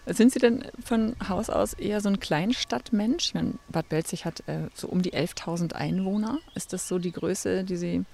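A woman interviewing an author outdoors, calm and guiding, ending questions with checking tags. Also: medium pitch, moderate pace, gravelly, few pauses. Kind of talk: radio interview. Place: outdoors among trees and grass.

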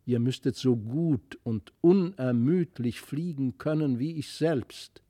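A man reading the lines of a mysterious fairy child in a fairy-tale audiobook, softly earnest and wistful. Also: medium pitch, takes it slowly, no echo, studio quality. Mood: gentle.

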